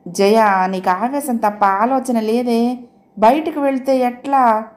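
Pleading gentle older sister, read by a woman. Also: fairly high pitch, slow. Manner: coaxing, pleading.

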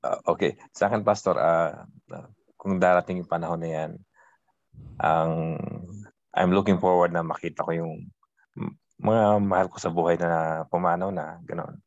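A man, also a pastor, answering a question in an online Bible study, hesitant and filling pauses. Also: low voice, fairly even intonation, creaky, no echo, muffled recording. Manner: hesitant, many fillers. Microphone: video call.

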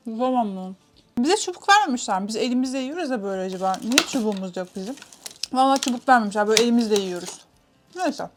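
A young woman talks straight to the camera in a casual food vlog. She tells her stories in an animated, chatty way and laughs often. Her voice sits a little higher than most women's. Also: a little hiss or hum. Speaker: vlogger. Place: home in Canada.

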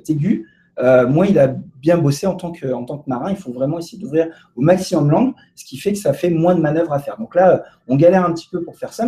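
A man's voice: on the high side, warm tone. A man giving a casual live presentation to an audience in a co-working space, hesitant and full of fillers and restarts. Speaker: presenter at a data meetup.

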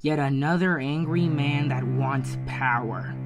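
A woman's voice: deep voice, over music. A woman playing a wisecracking sarcastic captain. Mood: mocking. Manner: sarcastic, joking, quick comebacks. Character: cocky, wisecracking young male captain. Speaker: spaceship captain. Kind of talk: amateur film voice acting.

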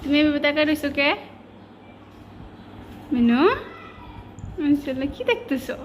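A woman coos at her cats in fond baby talk, asking them the same soft questions over and over. Her voice sits high. A faint hiss runs under the home recording. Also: steady tone, moderate pace. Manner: cooing, coaxing, repeating questions. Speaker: cat owner.

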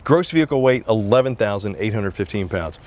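This is a walkaround review of an RV on an outdoor sales lot, led by a man in his forties wearing a lapel mic. His lowish voice is expressive, brisk and a little mellow, delivered as cheerful, chatty salesman patter.

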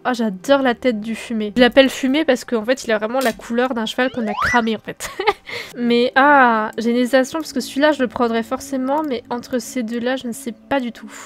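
Calm chatty young Frenchwoman gaming. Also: on the high side. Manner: calm, relaxed, chatty with many fillers. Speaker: gaming youtuber. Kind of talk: casual gameplay commentary.

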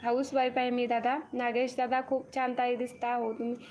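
A woman's voice: on the high side, little pitch movement, normal speed, heavy background noise. A young woman hosting a casual live stream from her farm home, reading viewers' comments aloud and thanking each by name. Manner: greets viewers one by one, reads comments aloud, repeats thanks. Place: farm home with cattle shed nearby.

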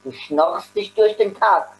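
A woman's voice: medium pitch, takes it slowly, voice pushed up, rough recording. A woman reading aloud voices an indignant working man in a story, her tone insistent and a bit raised.

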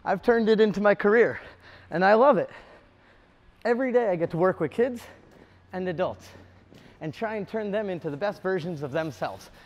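High-voiced young man, earnest audition. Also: moderate pace, pauses often, lo-fi sound. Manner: earnest and determined. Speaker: ninja obstacle competitor and coach. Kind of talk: audition tape monologue.

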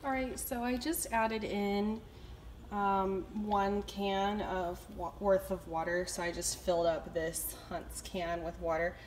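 A woman's voice: mid-range voice, fairly even intonation, slow, low-quality recording. A young woman chatting casually as she cooks dinner in her home kitchen, with lots of fillers while she thinks aloud. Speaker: cooking vlogger. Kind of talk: casual cook-along narration. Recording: loud kitchen noise behind.

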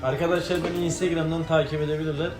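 Fairly high-voiced man chatting casually. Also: level tone, very fast, over music. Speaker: challenge participant. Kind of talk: casual chat, giving instructions.

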